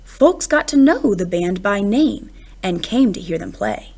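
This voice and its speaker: A woman of medium pitch gives an expressive reading of a children's picture book. Her phrasing is deliberate, and she puts emphasis on particular words.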